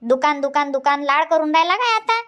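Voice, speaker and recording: A nagging old village grandmother from a cartoon comedy, voiced by an actor, with an extremely high, squeaky voice and a Vidarbha Marathi accent. She fires the same question again and again, chiding and coaxing. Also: animated, brisk, sharp tone. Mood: scolding. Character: fussy nagging village grandmother, scolds and coaxes.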